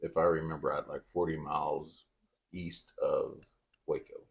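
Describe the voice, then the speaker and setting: A man with a very low voice tells a true-crime story to his podcast co-host. His delivery is dry and deadpan. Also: measured pace, vocal fry, slightly rough.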